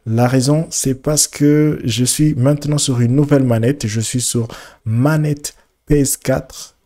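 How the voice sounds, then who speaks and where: A gaming streamer with a cold commentates a football game casually, his congested voice halting as he repeats words while thinking aloud. It's a mid-range, dark-toned voice with a steady tone.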